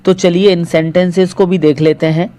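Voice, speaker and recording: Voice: mid-range voice, flat delivery, moderate pace, warm tone. A teacher patiently explaining a school textbook exercise to pupils, repeating each word for them. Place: recorded lesson video.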